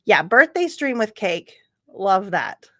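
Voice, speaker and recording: A woman's voice: medium pitch, very animated, slow pace, pushed and bright, no room sound, clean studio sound. A woman hosting a casual livestream from a room at home, chatting in a rambling way, answering viewers by name and laughing often. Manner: laughs often, trails off mid-sentence. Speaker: livestream host. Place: home room with computer screens.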